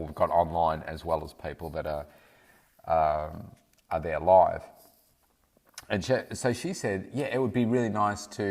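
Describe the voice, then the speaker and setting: A middle-aged weight loss coach hosts his own casual solo podcast, his somewhat low, darkish voice a touch nasal from hay fever. He thinks aloud loosely and often stops to correct himself mid-sentence.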